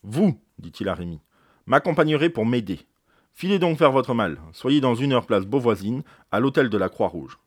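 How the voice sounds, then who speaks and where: A man reading aloud as a brisk, authoritative police commissioner giving orders. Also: medium pitch, lively intonation, breathy edge, no room sound, studio quality. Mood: commanding.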